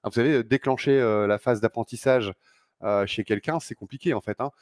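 A man's voice: mid-range voice, fairly quick, a little mellow, no echo, clean studio sound. A middle-aged man, founder of a sailing project, speaking enthusiastically at an indoor conference with many fillers. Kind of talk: conference talk. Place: large sailing showroom, indoors.

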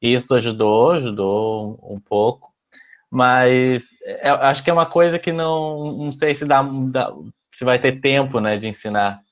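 A man's voice: mid-range voice, fairly even intonation, moderate pace. A young man, a former student, talking hesitantly and laughing often in a casual panel chat. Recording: dull lo-fi call audio.

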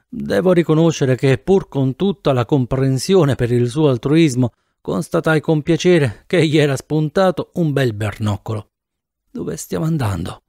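A man reading a novel aloud in the first person with an animated, theatrical delivery, close to the mic. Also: medium pitch, no room sound. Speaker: audiobook narrator. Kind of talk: expressive audiobook narration.

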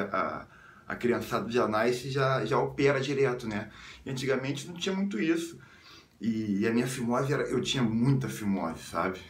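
A young man from the suburbs of Rio de Janeiro with a Carioca accent, telling a story casually in slang and jumping into high squeals when he quotes people. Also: roomy sound. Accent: Carioca Brazilian Portuguese. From Rio de Janeiro suburbs, Brazil. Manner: slangy, animated, jumps into high squeals when quoting others. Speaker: vlogger.

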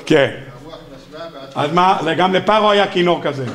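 A man giving a lively, joking weekly sermon as a rabbi, often asking his audience questions and answering them himself. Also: sits high. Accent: Israeli Hebrew. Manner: acts out quoted speakers in a raised, mocking voice. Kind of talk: lively Torah sermon to a congregation. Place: synagogue or study hall before an audience.

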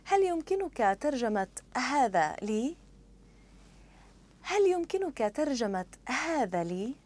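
A woman models short phrases for a language course and repeats each one with careful, deliberate delivery. Her voice is slightly high and lively in melody. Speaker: model speaker for phrase repetition. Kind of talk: scripted phrase drills.

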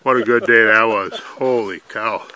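A man's voice: on the low side, fairly even intonation, unhurried, bright, forceful tone. An older man chatting in a rambling, folksy way while filming a fishing trip on a lake. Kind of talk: casual outdoor vlog. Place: outdoors on a boat on a lake. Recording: noisy outdoor camera audio, wind and water.

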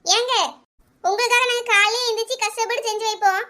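A woman's voice: extremely high pitch, fairly even intonation, fast talker, sharp tone. A woman voicing an indignant village housewife who argues back in a cartoon comedy, with a Kanyakumari Tamil accent. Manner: arguing, defensive.

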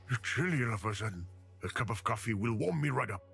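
A man's voice: mid-range voice, expressive, moderate pace, vocal fry, a bit bright, soft background music. A man voicing the game's flustered male creator, muttering to himself at home.

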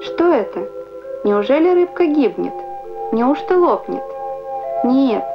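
A woman reading scripted nature newsreel narration in an expressive storytelling manner. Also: sits high, takes it slowly. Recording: muffled vintage film soundtrack. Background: music.

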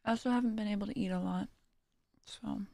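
A young woman streamer chatting casually while drawing, tired and low on energy, soft-spoken and trailing off with small laughs. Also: steady tone, fast, gravelly, slight background noise.

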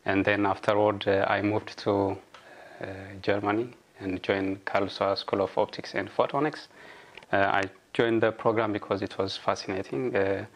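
Young PhD student, low monotone voice, hesitant. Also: male voice. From Ethiopia. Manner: hesitant, many "uh" pauses. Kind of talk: personal introduction to camera. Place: office indoors.

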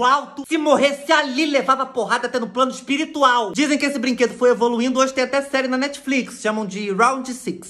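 Fast, high-voiced Brazilian comic storyteller. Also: male voice. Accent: Brazilian Portuguese. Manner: animated, exaggerated, acts out quoted voices. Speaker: comedian.

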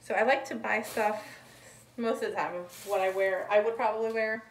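A woman's voice: medium pitch, fairly even intonation, moderate pace, slight background noise. A woman chatting casually through a haul vlog, rambling as she describes each item one by one, recorded at home. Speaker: thrift reseller vlogger. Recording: roomy, distant mic, faint ambience.

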